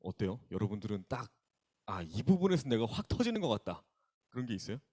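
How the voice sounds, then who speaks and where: A man's voice: lowish voice, very animated, fast, dark tone. A young man, a youth pastor, opening a casual sermon by bantering with the students and calling on them by name. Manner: bantering, teasing, calls on listeners by name. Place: church worship hall.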